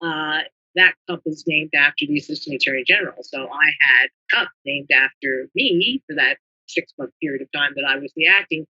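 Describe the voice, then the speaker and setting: Older woman guest, crisp bright tone, wanders as she tells stories, a bit muffled. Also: low-pitched, fairly quick. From New Jersey. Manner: chatty, meandering storyteller. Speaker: guest, retired government lawyer. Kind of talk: conversational interview, reminiscing.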